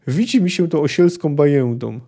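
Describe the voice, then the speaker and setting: A man's voice: a little high, moderate pace, warm tone. A man reading as a curt, skeptical woman archer. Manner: plain, curt, skeptical speech. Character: blunt no-nonsense young woman archer.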